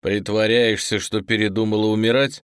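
A man voicing a blunt, gruff young man who talks in a curt, hushed way, in an audiobook. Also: lowish voice, flat delivery, moderate pace, no echo, clean studio sound, lightly acted. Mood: tense.

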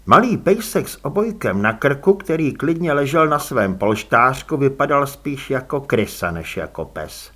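Brief: male audiobook narrator, wry and expressive, husky tone, pitch ranging widely. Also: hardly any pauses. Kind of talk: scripted narration.

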